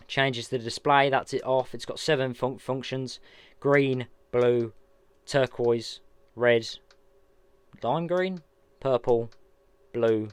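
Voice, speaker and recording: Chatty and hands-on, a man walks through unboxing a piece of radio gear, describing every step in a smooth mid-range voice. The recording is dry.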